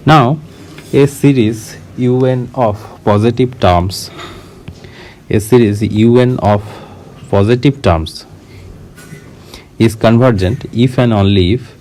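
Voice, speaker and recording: A man's voice: medium pitch, mellow. A man with an Indian accent teaching a math lecture, moving between Hindi and English and explaining step by step, checking in with his students as he goes. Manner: mixes Hindi and English, slow deliberate explaining, checks understanding.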